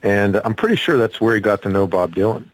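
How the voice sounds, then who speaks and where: A man's voice: lowish voice, expressive, quick pace, no echo, rough recording. A man speaking as a musician and actor guest in a casual interview, earnest and a little hesitant.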